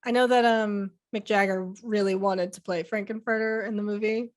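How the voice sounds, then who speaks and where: A woman's voice: mid-range voice, fairly even intonation, moderate pace. A young woman co-hosting a film podcast in casual chat, rambling with many fillers and restarts. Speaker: podcast co-host.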